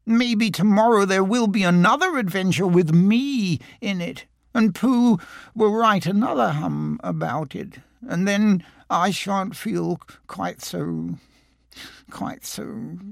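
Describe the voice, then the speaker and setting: Piglet, a tiny high creaky pig. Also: male voice, lively intonation, takes it slowly, dry recording, clean studio sound, full character voice. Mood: wistful, pondering. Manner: hesitant, wistful, squeaky. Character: small, timid, anxious male piglet. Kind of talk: storybook character voice.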